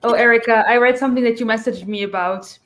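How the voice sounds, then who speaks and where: A woman's voice: a little high, fairly even intonation, fairly bright tone. Giggly woman chatting on a video call. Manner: giggly, chatty, quick asides. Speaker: host of a reading sprint. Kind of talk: casual video call chat. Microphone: computer mic on a video call.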